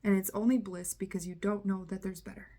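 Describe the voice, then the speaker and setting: A woman's voice: mid-range voice, fairly quick. A woman, a tarot reader and spiritual coach, giving a casual channeling talk in a candid, earnest way, swearing now and then and acting out inner voices. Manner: animated, acts out inner voices.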